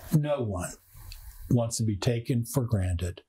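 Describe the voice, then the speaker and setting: A man preaching a sermon as a pastor, earnest and unhurried, drawing out key words for emphasis. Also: mid-range voice, lively intonation, dark tone, slight background noise.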